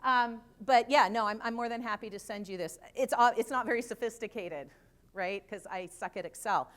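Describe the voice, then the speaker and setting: Conference speaker, middle-aged woman, higher voice, lively presenter with quick jokes. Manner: lively, chatty, joking asides. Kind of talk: live presentation to an audience.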